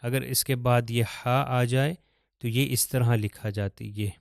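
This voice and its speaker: Male recitation teacher, patient explainer, resonant clear tone, dry close-miked sound. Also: mid-range voice, steady tone, no room sound. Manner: explains patiently, slows to chant Arabic examples. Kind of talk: step-by-step recitation lesson.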